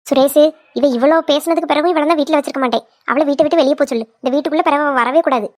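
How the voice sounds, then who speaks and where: A woman's voice: sits high, racing, no echo, close to an everyday voice. A woman voicing a scolding older village mother-in-law, in a cartoon. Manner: nagging, scolding. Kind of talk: cartoon voice acting.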